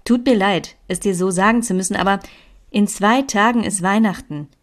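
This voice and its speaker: A woman voicing a pushy, energetic young female friend who lectures and urges in a storybook reading. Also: mid-range voice, moderate pace, natural voice. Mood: bossy.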